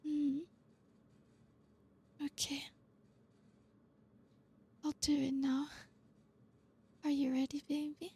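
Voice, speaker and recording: A young woman whispering softly in an intimate ASMR roleplay, reassuring and coaxing, with frequent low hums. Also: little pitch movement. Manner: soft unvoiced whispering, slow and soothing.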